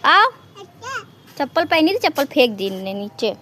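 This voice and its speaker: High, lively-voiced woman vlogging at home. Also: moderate pace. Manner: chatty, addresses viewers directly. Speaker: vlogger, mother. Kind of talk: casual home vlog. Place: home rooftop and house. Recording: clear background noise.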